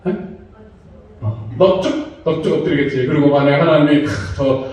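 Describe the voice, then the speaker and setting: A man's voice: a little high, a little fast, darkish tone. A man preaching a sermon as pastor, talking conversationally and acting out voices in quotes. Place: church sanctuary. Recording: very echoey church hall, from far off.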